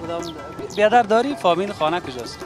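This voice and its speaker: A man's voice: high voice, sing-song, music in the background. A man with an Afghan Dari accent working as a street reporter, asking friendly, coaxing questions outdoors on a city street. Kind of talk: street interview.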